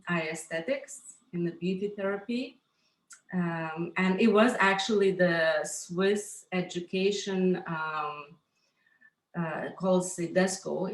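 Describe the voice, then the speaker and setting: A woman from Lithuania in her thirties speaks slowly and hesitantly, filling pauses as she goes. The room around her echoes. She sounds like a guest in a relaxed interview. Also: on the low side. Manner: hesitant, many fillers and restarts, soft laughs. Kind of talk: casual interview.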